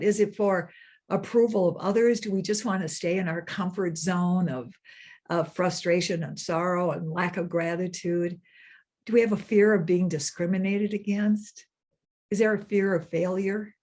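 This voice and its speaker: An older woman serving as senior minister delivers an earnest sermon, repeating phrases and slowing down to emphasize points. Her voice is medium in pitch with a darkish tone.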